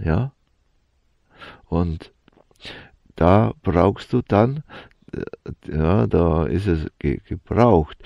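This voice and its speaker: A man speaks very slowly in a low, gravelly voice, leading a meditative spiritual talk. He hesitates, restarts his words and keeps adding a soft questioning "ja". The sound is dull and lo-fi, close and dry. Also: dry recording. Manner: slow, halting, searching for words. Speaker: spiritual teacher.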